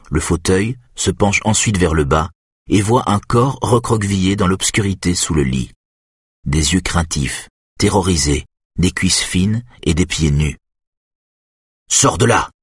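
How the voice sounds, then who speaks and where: A man with a husky voice narrating a thriller audiobook in an expressive, lively storytelling manner. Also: sits low, no room sound, studio quality. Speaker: audiobook reader. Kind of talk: scripted narration of a thriller novel.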